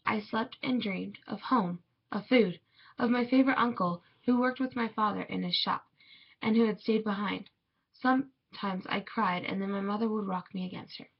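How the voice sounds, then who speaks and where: A woman reading a children's picture book aloud in a measured, expressive way. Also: mid-range voice, vocal fry, slightly rough. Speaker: storybook reader. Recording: dull lo-fi recording.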